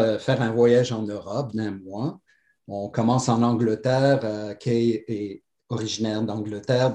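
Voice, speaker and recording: A middle-aged male guest, medium-pitched, tells his life story as conversational storytelling, speaking with a blended French, pied-noir and Moroccan accent that carries a touch of Quebec. He is warm and animated but rambling, full of restarts and fillers, and the recording has a roomy echo.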